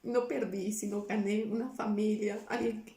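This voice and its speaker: A woman's voice: medium pitch, little pitch movement, normal speed, mellow. A woman giving an earnest, emotional personal testimony, often repeating her words and quoting her own past pleas. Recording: roomy, somewhat distant from the mic.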